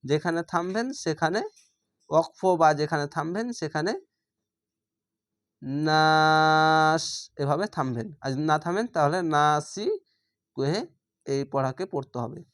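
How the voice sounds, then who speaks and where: A man teaching how to recite a short chapter, stretching each verse slowly and then explaining the pronunciation rules. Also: fairly high pitch, animated, no room sound, clean studio sound. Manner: slow drawn-out recitation alternating with plain explanation. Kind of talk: tajweed lesson for learners.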